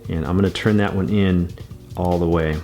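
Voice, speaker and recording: A man's voice: low voice, fairly even intonation, normal speed, darkish tone, faint music behind. A man giving a patient, methodical bike repair tutorial, talking through each step as he works. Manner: patient, methodical, repeats steps.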